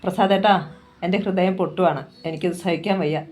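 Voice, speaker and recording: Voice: mid-range voice, fairly even intonation, moderate pace, a little mellow, natural voice. Heartbroken young woman, as a storyteller reads her. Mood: despairing. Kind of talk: audiobook novel reading.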